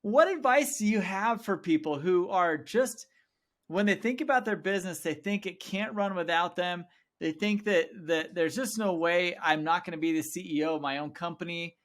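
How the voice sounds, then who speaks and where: A man's voice: high-pitched, normal speed, fairly bright tone. Man host, eager and affirming, asks winding questions. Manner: enthusiastic, affirming, rambling questions. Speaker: podcast host. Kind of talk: podcast interview.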